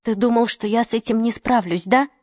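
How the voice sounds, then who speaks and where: A woman's voice: on the high side, fairly quick, no room sound, clean studio sound, natural voice. A woman reading a defiant young journalist. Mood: probing. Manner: urgent, forceful.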